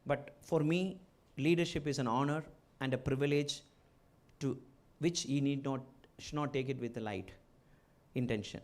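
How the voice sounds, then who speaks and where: A middle-aged former chief executive and entrepreneur from India, speaking with a strong Malayali accent, motivates students as a guest speaker through short, emphatic phrases and repeated key words. He talks at medium pitch and normal speed with long pauses, in a darkish tone.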